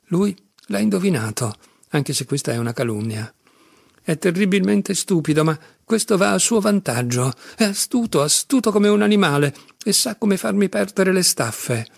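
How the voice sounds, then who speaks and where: A man's voice: sits high, animated, moderate pace, vocal fry, dry recording, clean studio sound, voice pushed up, exaggerated voice. A man reading an audiobook, voicing a tormented young man who speaks insistently and with agitation. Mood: agitated.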